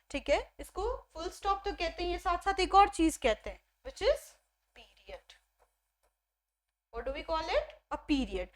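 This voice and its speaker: A young woman teaching a grammar lesson, explaining step by step and answering her own questions, switching between Hindi and English. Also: high voice. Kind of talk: classroom-style grammar lesson.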